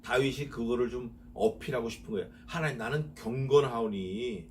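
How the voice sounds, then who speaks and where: A male pastor giving a conversational sermon, reading scripture slowly with emphasis and asking the congregation rhetorical questions. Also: mid-range voice, darkish tone, distant mic, a little hiss or hum. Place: church sanctuary.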